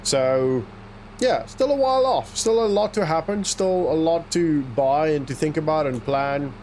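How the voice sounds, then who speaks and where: Lively intonation marks this man's fairly high, somewhat mellow voice, which moves at a moderate pace over slight background noise. An Afrikaans-speaking gaming YouTuber, he offers casual let's-play commentary on a farming game, rambling to himself with little chuckles.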